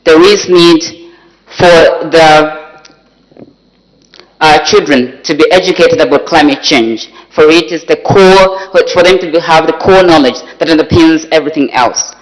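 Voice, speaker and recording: A young male student with a Zambian accent gives a formal parliamentary debate speech, halting and often repeating words as he searches for the next phrase. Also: on the high side, low-quality recording. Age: teenager or young adult student. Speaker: youth parliament member debating a motion. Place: debating chamber.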